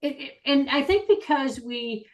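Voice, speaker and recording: A woman's voice: high-pitched, expressive, unhurried. A woman co-hosting a casual talk show, rambling and laughing easily, with filler sounds like "da, da, da.". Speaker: co-host. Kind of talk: casual chat.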